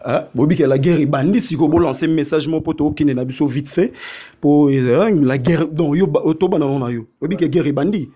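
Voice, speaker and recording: Hype guy hosting an interview, mellow voice a bit high, jumps between languages. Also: a little fast. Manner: animated, mixes languages, hype-man style.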